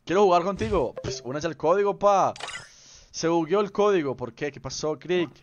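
A man's voice: on the high side, lively intonation, moderate pace, muffled recording, music in the background. A young man, chatting casually on a game stream, teasing and greeting viewers by name. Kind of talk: casual live-stream chat.

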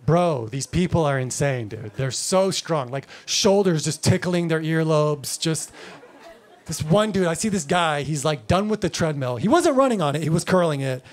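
A man's voice: on the high side, expressive, normal speed. A man in his thirties doing a live stand-up routine, loose and rambling, full of filler words. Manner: loose, rambling delivery full of "like" and "you know". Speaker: stand-up comedian. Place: comedy club. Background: audience laughter.

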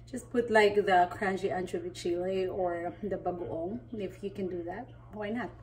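A woman with a Filipino accent talks her way through a dish at the stove in an unhurried, easygoing rhythm. She is playful and giggly, and she keeps slipping back into Tagalog. Her voice sits a little away from the mic, so it sounds slightly distant. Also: fairly low pitch, fairly even intonation, darkish tone, slight background noise. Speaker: cooking vlogger. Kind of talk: casual cooking demonstration. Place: home kitchen at the stove, indoors.

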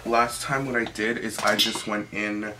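A man's voice: fairly low pitch, fairly even intonation, unhurried, very noisy. A young man giving a casual, chatty makeup tutorial in an informal way, with lots of "like". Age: young adult. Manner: chatty, informal, often says "like". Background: music.

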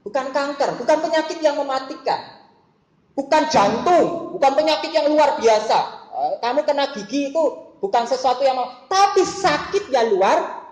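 A woman with a slightly high voice preaches to a room of students and keeps putting questions to them. Her sermon rings out in an echoey room. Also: darkish tone. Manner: asks the listeners questions. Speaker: preacher at a school worship service.

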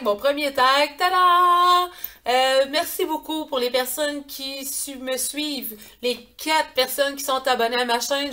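A woman in her thirties speaks with a Quebec French accent, in a somewhat high voice. She talks earnestly and a little hesitantly to a webcam up close, filling pauses as she goes. The sound is a home recording from a small hallway. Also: fairly bright tone. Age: 30s. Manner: earnest, hesitant with many fillers. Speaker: vlogger. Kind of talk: casual chat to camera. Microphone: webcam at close range.

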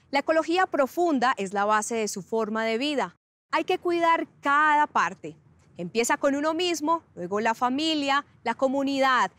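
A woman in her thirties presenting a TV segment outdoors in a park, with clear, polished, scripted delivery. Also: sits high, fairly bright tone, dry recording.

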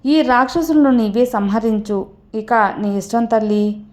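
A woman's voice: fairly high pitch, a little slow, darkish tone, lightly acted. A woman voicing a frightened male creator god who pleads humbly. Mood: pleading. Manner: humble and fearful.

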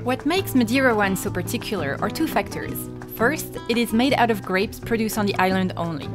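A woman narrates her travel vlog in a wry, storytelling tone. Her voice sits at an ordinary middle pitch. Music plays clearly under the voice-over. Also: animated, brisk. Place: voice-over, not recorded on location. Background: background music.

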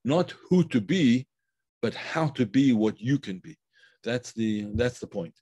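A man teaching a live online class, unhurried and thinking aloud with many fillers and restarts, stopping to praise viewers' comments. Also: medium pitch, animated, mellow, breathy edge, dry recording. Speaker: Kabbalah teacher.

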